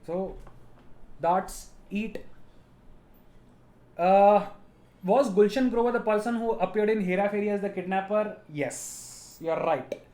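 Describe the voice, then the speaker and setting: A middle-aged man with an Indian English accent runs a live online quiz class, speaking slowly in a high, dark-toned voice with frequent pauses in an echoey room. A native Tamil speaker from a Tamil-speaking family raised in Gujarat, he repeats each question, patiently explains terms, and laughs easily as he answers students.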